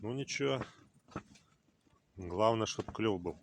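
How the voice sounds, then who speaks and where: A man's voice: lowish voice, takes it slowly, vocal fry. A man casually narrating a fishing vlog out in strong wind, with gusts hitting the microphone. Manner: speaking outdoors or in a tent in strong wind. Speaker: fishing vlogger. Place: frozen lake, out in wind and in a flapping tent. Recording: loud wind buffeting the mic.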